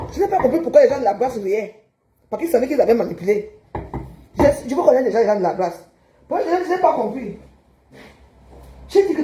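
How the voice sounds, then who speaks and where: A woman's voice: fairly high pitch, noisy background. A woman with a Cameroonian French accent, ranting on a live stream and scolding viewers who comment, in a combative, mocking way. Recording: roomy echo.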